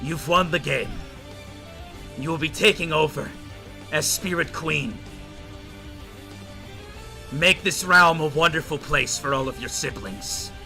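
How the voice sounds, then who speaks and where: A man voicing a solemn spirit king who speaks in a grave, measured way. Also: fairly high pitch, sharp tone, soft background music, exaggerated voice. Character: solemn dying spirit king granting a wish.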